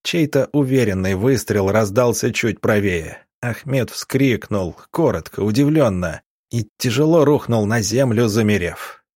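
A man reading an audiobook in a measured, steady storytelling voice, recorded on a close studio mic. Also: lowish voice, no room sound. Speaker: audiobook narrator. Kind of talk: scripted narration.

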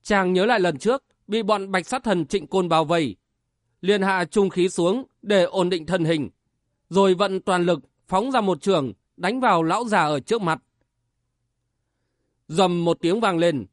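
A man's voice: sits high, unhurried, no room sound, clean studio sound. A man narrating a martial-arts novel as an audiobook with vivid, dramatic storytelling.

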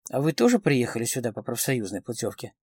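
A man reading the part of a playful, teasing woman who flirts quickly and slyly, in a dry close recording. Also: medium pitch, very animated, breathy edge, no room sound.

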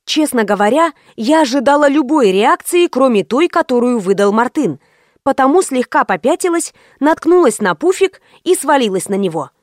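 A woman narrating a first-person story as an audiobook, brisk and lively. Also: sits high, no echo, clean studio sound.

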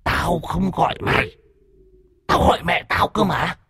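A man voicing the cold, eerie ghost of a dead young man, speaking in a hollow, drawn-out, whispery way. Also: fairly high pitch, gravelly, pushed and bright, breathy edge, no echo, clean studio sound, pitched above the performer's own voice, full character voice. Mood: menacing.

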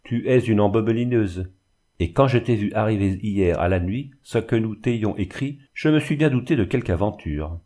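A man reading aloud, voicing a hot-tempered, scornful eldest son with a loud, blustering delivery. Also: on the low side, normal speed, lightly acted.

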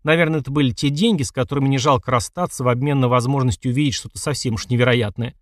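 A man narrating an audiobook in lively storytelling. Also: medium pitch, rapid-fire, no echo, clean studio sound.

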